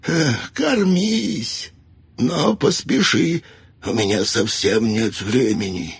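A man voicing a cruel old necromancer archmage who grumbles and mocks, in a raspy, gravelly voice. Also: mid-range voice, animated, slow pace, exaggerated voice. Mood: grudging. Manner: grumbling, mocking, gloating. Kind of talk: audiobook character voice.

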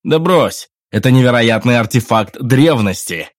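An eager, excitable adventurer who sells his finds, played by a male narrator, talking loudly and pushing hard. The voice is a little low and slightly raised from the narrator's own. It is recorded dry, with no room sound. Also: normal speed, dry recording. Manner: enthusiastic, pleading. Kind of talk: audiobook reading.

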